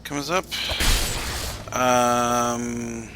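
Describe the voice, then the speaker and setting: A man's voice: mid-range voice, little pitch movement, extremely slow, loud music behind the voice. A man casually commenting while he plays a game on a live stream, rambling and self-deprecating, often trailing off mid-sentence. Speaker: gameplay streamer.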